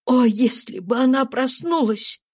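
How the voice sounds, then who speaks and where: A woman's voice: high voice, expressive, unhurried, husky, exaggerated voice. A woman voicing a grief-stricken wealthy father in an audiobook, speaking in an anguished, pleading way.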